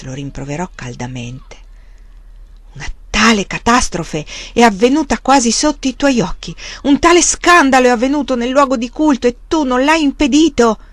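A woman reading a novel aloud in a measured, dramatic way. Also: high-pitched, no room sound, studio quality. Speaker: audiobook reader. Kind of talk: literary narration.

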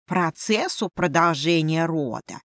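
A cheeky, grumpy little male winged mouse familiar, as a woman reader puts him on. He drawls slowly and sarcastically in a storybook voice that swings up and down. The recording is dry and close. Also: low voice, lively intonation, no echo. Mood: smug.

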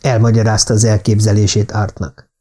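A man narrating a thriller novel as an audiobook in a steady, even reading. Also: fairly low pitch.

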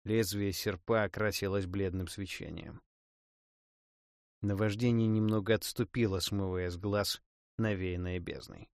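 A man narrating a first-person fantasy audiobook in a dramatic, expressive reading. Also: on the low side, unhurried, clear, resonant tone, no room sound, studio quality.

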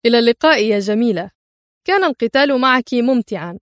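A woman's voice: fairly high pitch, lively intonation, fast, no room sound, close to an everyday voice. Woman playing a sneering thin crook, mocking, insolent, dry close recording. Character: sneering thin male criminal, mocking and nervous.

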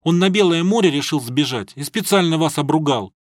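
A man's voice: on the high side, lively intonation, brisk, dry recording, studio quality, close to an everyday voice. A man voicing a naive, earnest young male student who pleads and blurts out whatever he thinks, in an audiobook. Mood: pleading.

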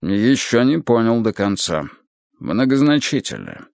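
A man voicing a middle-aged male KGB chairman who speaks quietly, guarded and preoccupied, in an audiobook reading. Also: medium pitch, huge pitch swings, unhurried, vocal fry, no echo, studio quality, heavily acted.

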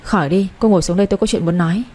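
A woman's voice: mid-range voice, racing, warm tone, close to an everyday voice. A woman voicing a stern, domineering older mother who talks curtly and gives orders. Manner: curt, commanding, impatient.

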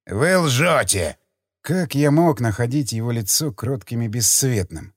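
Expressive male audiobook narrator. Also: mid-range voice, normal speed, no room sound, studio quality. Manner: expressive, tense storytelling. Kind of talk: dramatic first-person narration.

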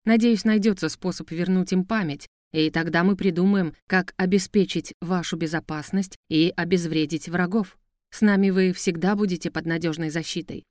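A woman's voice: fairly low pitch, fairly even intonation, normal speed, darkish tone, dry recording, studio quality, close to an everyday voice. A woman voicing a remorseful young male prince pleading earnestly in an audiobook. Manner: subdued, pleading. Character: remorseful proud young male star prince, now a slave.

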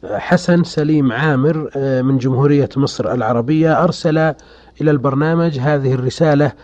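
A man hosts a radio programme in formal standard Arabic. His delivery is measured and scripted, at an average male pitch. The recording is dull and lo-fi. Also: darkish tone. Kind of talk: formal scripted radio presenting, reading listeners' letters.

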